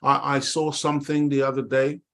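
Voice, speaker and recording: His voice is medium in pitch, a bit bright, with little pitch movement and normal speed. A middle-aged man from Jamaica, he co-hosts an online talk show via call, preaching an impassioned monologue with emphatic repetition and addressing listeners as "dear family."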